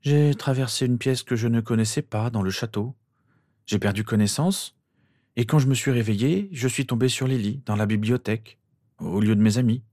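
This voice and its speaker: A man's voice: mid-range voice, normal speed, warm tone, dry recording, voice pushed up, close to an everyday voice. Earnest teenage boy, voiced by a man reader, plain and explanatory.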